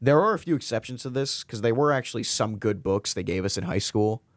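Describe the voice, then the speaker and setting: A man's voice: mid-range voice, animated, fairly quick, no echo. A young man hosting a college radio show, chatting casually in a rambling, jokey way with frequent self-corrections, in a radio studio on a studio microphone. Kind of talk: casual on-air chat.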